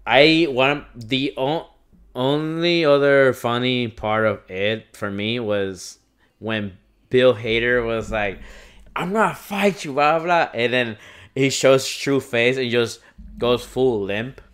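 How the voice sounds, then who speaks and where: Young male podcast co-host, average pitch, relaxed and casual, stops and restarts often. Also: slow, smooth. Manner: laid-back banter with frequent restarts and swearing. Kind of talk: casual chat over beers. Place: bar.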